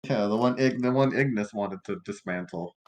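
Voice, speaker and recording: A man's voice: medium pitch, normal speed, slight background noise. A man talking casually as a tabletop game player. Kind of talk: casual chat.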